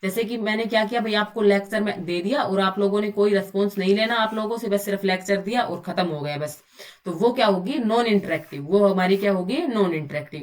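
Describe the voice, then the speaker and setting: A woman's voice: medium pitch, fairly quick, recorded from a distance. A woman teaching an online exam-prep class. She keeps asking her students rhetorical questions and answers them herself. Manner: often says "bhai" to students. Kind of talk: recorded online lecture.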